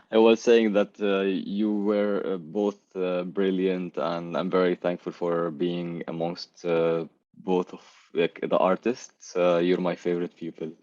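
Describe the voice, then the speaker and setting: A very deep-voiced man joins a panel over a video call. He talks in a friendly way but hesitates often with fillers. The audio is dull, lo-fi and bone-dry. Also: level tone, slow pace, darkish tone, dry recording. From Syria. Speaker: panel guest, project founder. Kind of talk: casual panel talk.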